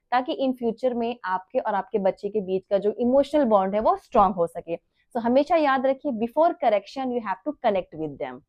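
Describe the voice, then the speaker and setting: A woman's voice: on the high side, dry recording, muffled recording. A young woman, a mother, giving earnest parenting advice in a casual talk, mixing English phrases in and checking in with "right?". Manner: earnest, mixes English phrases into Hindi, many rhetorical "right?". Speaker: parenting vlogger.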